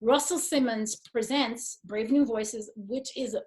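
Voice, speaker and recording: A woman moderating a college talk, speaking thoughtfully and pausing often to search for words before reading out a guest's bio. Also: fairly high pitch, low-quality recording. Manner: thoughtful, searching for words, frequent restarts and fillers. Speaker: event moderator.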